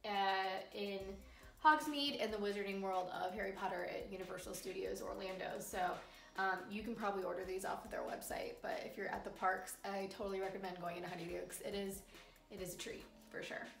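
A woman's voice: medium pitch, steady tone, brisk, vocal fry. A young woman chatting casually in a home vlog, upbeat with fillers, in a small room. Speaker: vlogger. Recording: roomy home recording with soft background music.

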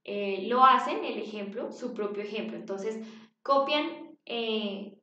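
Slow, patient teacher woman. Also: on the high side, pushed and bright. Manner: slow, patient, repeats words for children to copy. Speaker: English teacher. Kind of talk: recorded online lesson for young children. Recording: dull, echoey home recording.

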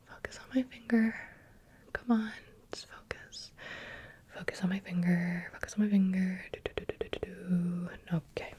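A woman whispering softly and patiently as an examiner in an ASMR roleplay, close to the microphone. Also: medium pitch, slightly rough. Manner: soft unvoiced whispering, patient and coaxing. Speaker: roleplay examiner giving eye and hearing tests. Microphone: close mic, leaning near the ear.

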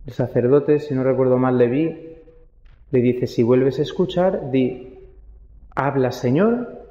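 A young priest with a Spanish accent delivers a reflective sermon in a mellow, dark voice. His words ring through a large church with a long reverb. The sound is a little dull. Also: mid-range voice, slow pace. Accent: Spain. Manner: reflective preaching with quiet rhetorical asides.

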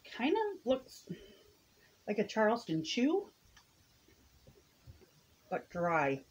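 A woman's voice: mid-range voice, wildly swooping pitch, very slow, husky. Dry-voiced woman reading snack blurbs. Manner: reads product blurbs aloud, short dry verdicts. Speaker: snack box reviewer. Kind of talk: casual taste-test chat. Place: living room couch, indoors.

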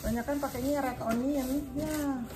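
A woman's voice: high voice, fairly even intonation, measured pace, very noisy. A woman in her thirties chatting casually in her home kitchen as she unpacks groceries, often searching for words and mixing in English terms, recorded on a phone camera. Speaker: vlogger. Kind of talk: casual grocery unboxing vlog. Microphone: phone camera at arm's length. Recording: loud music under the voice. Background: loud background music and crinkling bags.

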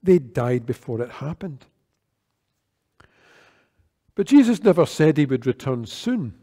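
An older worship leader preaches into a lectern microphone, measured and earnest, gesturing as he goes. His mellow, dark voice sits on the high side with a sing-song lilt, and a long reverb rolls off the sanctuary walls after every phrase.

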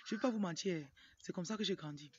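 A young woman from Cameroon, who grew up in Tonga, speaks fast in a lowish voice with a Cameroonian French accent. A motivational speaker and livestream host, she gives an informal talk to camera and keeps slipping into asides. The clip comes from a phone at arm's length outdoors in a yard, so it's muffled and noisy, with a rooster crowing and background noise.

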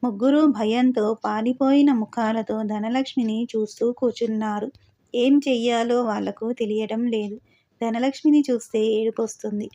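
A woman narrating a novel as an audiobook, reading in a calm, steady way. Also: fairly high pitch, normal speed, highs cut off.

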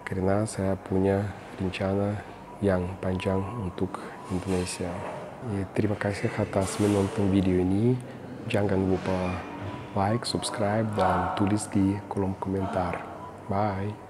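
A man in his thirties from Russia, a foreigner speaking Indonesian with a Russian accent, giving a casual explanation to camera in a halting, hesitant way full of fillers. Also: sits low, little pitch movement. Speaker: vlogger. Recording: clearly noisy background, ambient sound.

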